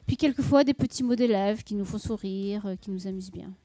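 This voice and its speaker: A middle-aged woman from Paris answering interview questions as a school deputy head, in a measured, explanatory way with frequent hesitations. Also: mid-range voice, mellow, no echo.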